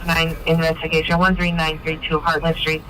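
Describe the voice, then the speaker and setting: High-pitched male dispatcher over police radio. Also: monotone, fairly quick, sharp tone. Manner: clipped, procedural, reads codes and addresses. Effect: police radio scanner. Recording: distant police radio heard inside a noisy car. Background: car noise.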